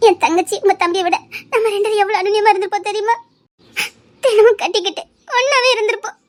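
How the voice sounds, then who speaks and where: Brief: a young woman in love, clingy and jealous, crying hard, fast and very high. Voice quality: sobbing, half laughing through tears. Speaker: lovesick cousin in a TV serial. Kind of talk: TV serial melodrama.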